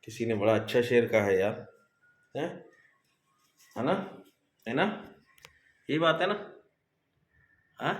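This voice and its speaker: A man vlogging and talking affectionately to his pet parrots in a dim room, with slow, coaxing baby talk. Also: mid-range voice, lively intonation. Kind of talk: casual vlog, coaxing pets. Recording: echoey room with faint noise.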